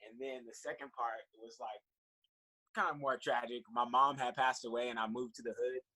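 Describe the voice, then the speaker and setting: A man's voice: mid-range voice, fairly even intonation, normal speed, bright, forceful tone, slightly rough, low-quality recording. A man from California, a podcast guest chatting casually in loose, swear-filled storytelling.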